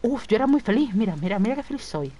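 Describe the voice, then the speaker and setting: Young woman streamer, lively pitch, swears and shouts at enemies. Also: quick pace, a little hiss or hum. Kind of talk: live gameplay commentary.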